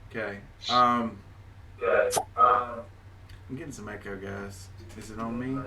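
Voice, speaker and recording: A man narrating a tabletop game as game master, improvising haltingly as he searches for descriptive words. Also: fairly low pitch, steady tone, far from the mic, heavy background noise.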